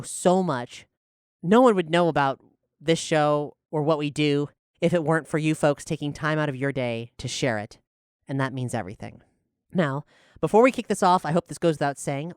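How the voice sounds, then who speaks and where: An enthusiastic, articulate showrunner and host talks conversationally through a question-and-answer podcast. The voice has a medium pitch and a clear, resonant tone, with clean studio sound and no room sound.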